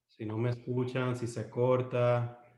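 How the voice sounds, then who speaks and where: Streaming a Bible study live from his home kitchen, where the sound echoes around the room, this US-raised Dominican man speaks in a monotone, darkish, medium-pitched voice. His accent is Dominican Spanish with an English influence. Unhurried and halting, he restarts often, says "eh" a lot, and tags his points with "¿no?".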